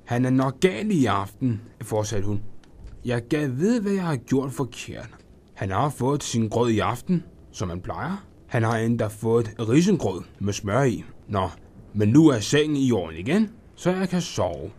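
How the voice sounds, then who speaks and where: A man's voice: medium pitch, sing-song, darkish tone, breathy edge. A man voicing a fussy, worn-out old grandmother who chatters on in a flustered way.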